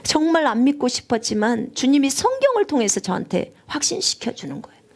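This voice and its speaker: A woman missionary preaching a sermon, telling her story with strong emotion, at times rising high and near tears. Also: very animated, brisk, creaky. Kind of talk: live-streamed sermon testimony.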